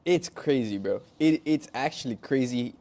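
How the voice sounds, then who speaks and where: A man's voice: medium pitch, animated, normal speed, mellow, a little hiss or hum. Candid man mixing Spanish into casual talk. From Mexican-American family from Durango. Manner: candid, swears freely, mixes Spanish phrases. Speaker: podcast co-host. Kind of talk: casual podcast chat.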